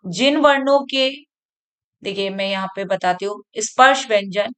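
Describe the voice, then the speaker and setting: A woman's voice: mid-range voice, a bit bright, clear, resonant tone. A woman teacher giving an online grammar lesson to children, patiently repeating and sounding out letters one by one. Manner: slow, patient, repeats key sounds aloud.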